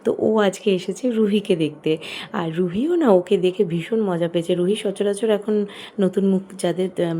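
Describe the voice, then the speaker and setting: A woman in her thirties with a Bengali accent, narrating a family vlog voice-over in a soft, chatty way. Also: fairly low pitch, vocal fry. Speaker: vlogger mother.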